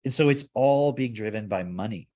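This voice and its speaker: Hosting a laid-back podcast chat, this man has a low, somewhat dark voice and speaks at an ordinary pace. His talk wanders, packed with "like" as he sorts out his ideas.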